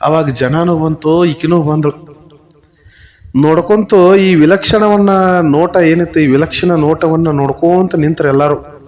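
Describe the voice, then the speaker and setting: Slow, high-voiced North Karnataka storyteller man. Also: a little mellow. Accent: North Karnataka Kannada. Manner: slow, emphatic, addresses listeners directly. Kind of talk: devotional storytelling.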